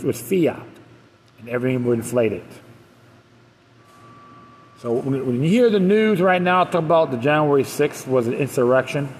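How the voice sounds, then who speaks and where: A man's voice: mid-range voice, in a large hall, a little hiss or hum, rough recording. A man hosting a solo podcast, reading articles aloud and then adding loose, casual commentary with some stumbles and restarts. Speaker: podcast host.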